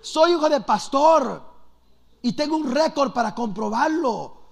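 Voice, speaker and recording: A man from Los Angeles preaching a storytelling sermon, fast, animated and joking. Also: very high voice, gravelly. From Los Angeles, USA.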